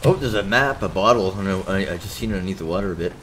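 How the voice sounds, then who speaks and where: A man with a low voice that swings up and down a lot, hosting a game stream in relaxed, joking chat. He swears now and then and sounds at ease. A faint hiss sits under his voice. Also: rapid-fire, low-quality recording. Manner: laid-back, joking, swears casually. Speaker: streamer host. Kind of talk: casual gameplay chat.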